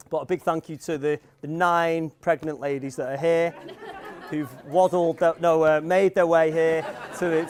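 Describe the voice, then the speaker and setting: A young man with a Manx accent and a slightly high voice gives a groom's speech at a wedding. He rambles and jokes informally, hesitating as he goes. Guests can be heard faintly around him in the venue. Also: a little mellow. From Isle of Man. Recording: live event room with guests audible. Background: wedding crowd.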